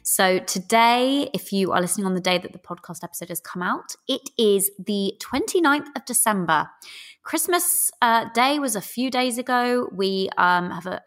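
A woman's voice: a little high, expressive, normal speed, a bit bright. A British woman in her thirties speaks straight to listeners as a podcast host and coach, chatty, breezy and cheeky with theatrical emphasis. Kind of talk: solo podcast, chatty direct address to listeners.

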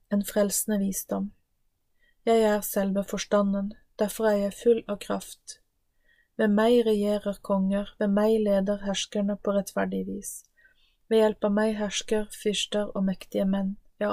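A woman's voice: medium pitch, little pitch movement, mellow, dry recording, lightly acted. A woman reading the part of personified Wisdom, an ancient female voice that proclaims solemnly. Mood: proclaiming. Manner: solemn, declaiming. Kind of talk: scripted Bible reading.

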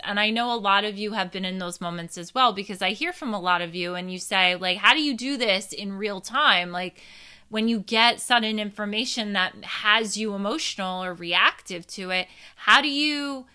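A woman's voice: medium pitch, bright, forceful tone, clean tone. A woman hosting a casual storytelling show. She speaks candidly to her listeners, swears now and then, and turns reflective. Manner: candid, profane, reflective, addresses listeners as y'all. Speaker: podcast host telling a story.

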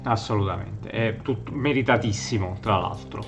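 A man co-hosts a relaxed football talk show, his voice sitting fairly low. He is friendly and keeps chiming in with quick agreement. Faint music plays underneath. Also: lo-fi sound. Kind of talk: casual chat about football.

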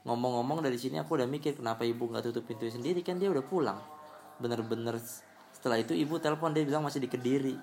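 A man's voice: racing, a little mellow, soft background music. Man reading listener ghost stories. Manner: crude slang, bursts into high laughter. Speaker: podcast co-host reading listener emails. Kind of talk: casual chat.

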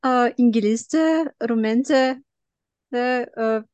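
A woman in her twenties from Russia with a Russian accent, answering interview questions in halting, simple non-native Turkish. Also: a little high, a little mellow, clear, resonant tone, no echo. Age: 20s. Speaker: interview guest, language learner. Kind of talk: casual interview.

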